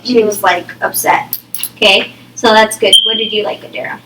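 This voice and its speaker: This young female teacher runs a think-aloud lesson for a small reading group, peppering it with "okay?" and "right?" all the time. Her medium-pitched voice is steady and moves at a normal speed. The recording is very noisy, made far from the mic in an echoey room.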